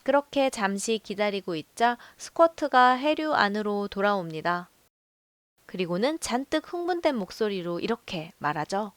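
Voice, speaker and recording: Calm woman narrating a film review. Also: medium pitch, no room sound. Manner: calm, measured storytelling. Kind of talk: scripted voice-over narration.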